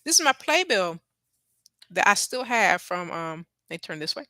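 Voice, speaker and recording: A woman's voice: lowish voice, big pitch swings, moderate pace, pushed and bright, no room sound. A woman in her forties hosting a livestream from her apartment, chatting casually, laughing often and trailing off mid-thought. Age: 40s. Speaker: YouTube livestream host. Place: apartment with thin walls.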